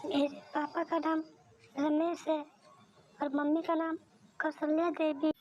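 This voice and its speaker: A woman's voice: sits high, little pitch movement, a little slow, a little mellow, lo-fi sound, a little hiss or hum, voice pushed up. A woman voicing a timid orphan boy in a cartoon, who talks in a whiny, begging way. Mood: childlike. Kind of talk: cartoon voice acting.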